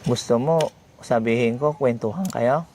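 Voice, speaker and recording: Guy vlogging, slow gentle coaxing, lots of noise behind. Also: mid-range voice. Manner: gentle, repetitive coaxing questions. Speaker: vlogger host. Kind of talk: casual vlog chat, coaxing questions. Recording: noisy background.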